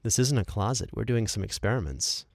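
Gravelly, deadpan man. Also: lowish voice, fairly quick, dry recording, studio quality. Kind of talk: casual chat with recorded takes.

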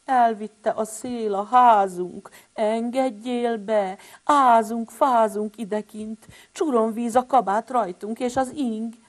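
A woman voicing six cold, wet hedgehog siblings pleading at the door in a storybook tale, in a raised, pitched-up voice. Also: steady tone, hardly any pauses, lightly acted.

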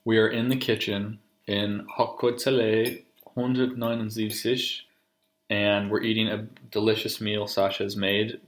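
A thirty-year-old man interviews his partner for his podcast at the kitchen table during a meal, keeping the talk casual, joking and teasing. He has a fairly low pitch with little movement and a measured pace. The home recording is roomy and echoing.

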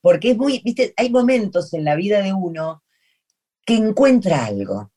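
A woman with a Rioplatense accent, hosting a relaxed interview and speaking admiringly to her guest. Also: mid-range voice, a little slow, slightly rough. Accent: Rioplatense Spanish. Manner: warm and admiring toward the guest. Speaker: host. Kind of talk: casual interview chat.

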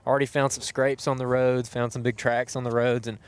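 A man's voice: medium pitch, flat delivery, a little fast, smooth. A man chatting casually as a podcast host from inside a truck. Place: inside a truck being driven.

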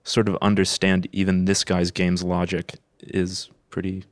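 Very deep-voiced man, hesitant. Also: completely flat delivery, measured pace, dry recording, clean studio sound. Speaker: podcast panelist. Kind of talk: casual film discussion.

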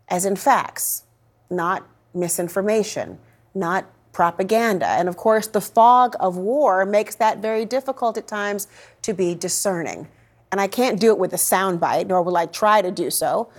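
A woman anchoring a news show, presenting in a direct and emphatic way. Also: mid-range voice.

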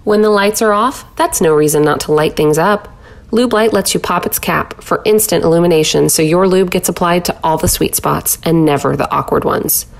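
A woman announcer reading a scripted product commercial with a creaky voice. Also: on the low side, moderate pace. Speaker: advertisement announcer.

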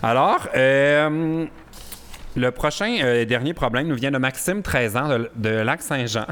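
A man's voice: mid-range voice, measured pace, clean tone. A man with a Québécois accent hosting a podcast, chatting casually in a living room with lots of laughter and playful teasing. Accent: Québécois French. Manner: giggly, playful, lively teasing. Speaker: podcast host. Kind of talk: casual chat.

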